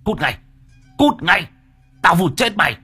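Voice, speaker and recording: A man's voice: high voice, very animated, measured pace, sharp tone, slightly rough, soft background music, voice pushed up, heavily acted. A man voicing a panicky, cheeky young male laborer who stammers and talks frantically. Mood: furious.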